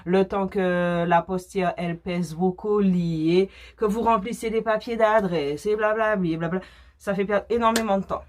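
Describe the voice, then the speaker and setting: Speaking at normal speed in a medium-pitched, slightly mellow voice with fairly even intonation, a French Caribbean woman from Guadeloupe or Martinique chats casually on video. As co-owner of a small cosmetics business, she answers questions, explaining step by step and offering practical tips.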